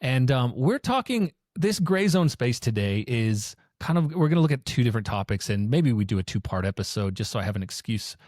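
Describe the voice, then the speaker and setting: A man's voice: mid-range voice, sing-song, a little fast, hardly any pauses, darkish tone, no room sound, clean studio sound. A young man hosting a podcast, chatting casually with lots of fillers and restarts. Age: young adult. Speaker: podcast host. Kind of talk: casual interview chat.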